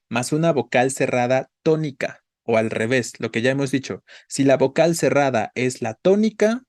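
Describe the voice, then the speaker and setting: A man patiently teaches a Spanish grammar class, spelling out syllables slowly and checking in with his students through frequent "¿no?" and "¿vale?". His voice is medium-pitched and a little mellow, recorded with clean studio sound and no echo.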